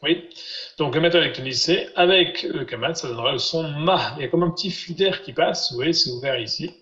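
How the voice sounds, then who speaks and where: A man teaching a live online class, patiently repeating syllables slowly for his students over a video call. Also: a little high, sharp tone. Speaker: Biblical Hebrew teacher. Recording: roomy, dull lo-fi sound.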